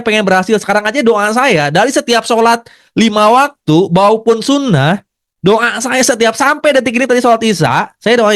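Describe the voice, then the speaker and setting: Casting note: man in his thirties, fairly high voice, earnest and repetitive motivational business talk, dry close sound. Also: dry recording. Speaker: network marketing business leader.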